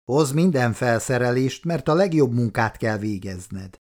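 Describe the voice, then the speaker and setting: A man reading an audiobook, voicing a brisk, confident male insurance agent in a slightly raised voice. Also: mid-range voice, animated, a little mellow, natural voice. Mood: eager.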